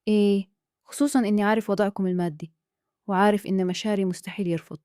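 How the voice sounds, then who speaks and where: A woman with a Kuwaiti accent voicing a calm, scheming man who speaks in a hushed, persuasive way. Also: medium pitch, rapid-fire, smooth, no room sound, clean studio sound, close to an everyday voice. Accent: Kuwaiti Arabic.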